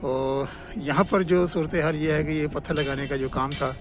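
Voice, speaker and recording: A slightly high-voiced man with a Pakistani accent reports on the road from a roadside construction site, vlogging in a matter-of-fact, explanatory manner. His intonation stays fairly even and his pace moderate. The audio carries loud traffic, vehicles and outdoor ambience.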